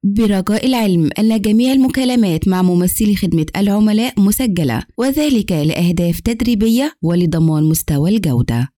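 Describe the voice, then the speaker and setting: An Egyptian woman speaks as the recorded customer service voice of a phone menu. Her tone is mellow and relaxed, with lively melodic movement in the pitch. The delivery is scripted, polite and formal, captured close and dry. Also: a little fast, dry recording.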